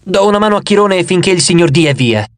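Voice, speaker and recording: A man's voice: high voice, expressive, quick pace, no echo. A man voicing a grey-haired swordsman in his fifties, an easygoing and matter-of-fact fencing instructor in an audiobook.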